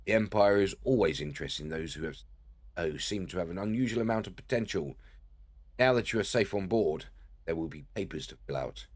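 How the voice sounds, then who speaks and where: A man voicing a courteous Imperial officer from a space game, formal, measured and reassuring. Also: low-pitched, animated.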